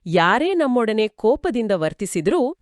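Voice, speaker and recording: Calm, expressive woman co-host. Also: on the high side, normal speed, no echo, clean studio sound. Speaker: podcast co-host. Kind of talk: scripted spiritual discussion.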